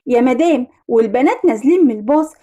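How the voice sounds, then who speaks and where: A woman's voice: sits high, lively intonation, rapid-fire, mellow, voice pushed down. A woman voicing a nervous, evasive housemaid in a storybook tale, deferential with an Egyptian Arabic accent. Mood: flustered. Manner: flustered, deferential.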